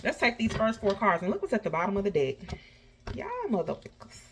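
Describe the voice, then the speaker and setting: A sassy, folksy tarot host chats with viewers as she reads cards, calling them honey and baby and lisping slushily on her s sounds. She's a fast, expressive talker at medium pitch, with a noisy background.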